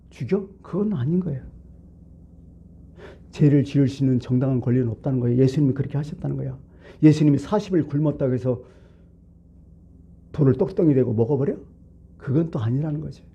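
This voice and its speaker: A man's voice: mid-range voice, warm tone, muffled recording, slight background noise. A male pastor from South Korea preaching a Sunday sermon in a church, conversational and blunt, asking the congregation rhetorical questions. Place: church sanctuary.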